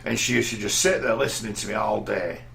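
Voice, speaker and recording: A man's voice: fairly low pitch, fast talker, gravelly, a bit bright. A middle-aged man from England telling rambling personal stories in a casual monologue, often restarting his sentences. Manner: rambling, anecdotal, frequent restarts. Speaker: vlogger.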